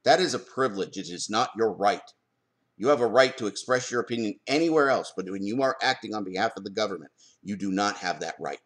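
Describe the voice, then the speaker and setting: A man talking in an opinion vlog as a parent. He argues forcefully, stops to ask pointed rhetorical questions and answers them himself. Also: lowish voice, animated, fairly quick. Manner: emphatic, argumentative, fires rhetorical questions. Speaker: parent commenting on school board policy.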